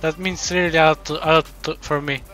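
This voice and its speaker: A man streaming live and chatting casually, thankful and excited, often stumbling and repeating his words. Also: on the high side, fast talker, soft background music, rough recording.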